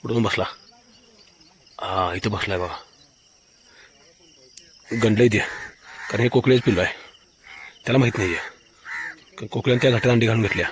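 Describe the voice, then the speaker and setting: A man's voice: lowish voice, a little fast, pauses often, a little hiss or hum. A man, casually vlogging outdoors by a river and pointing things out to viewers. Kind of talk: casual walking vlog by a river.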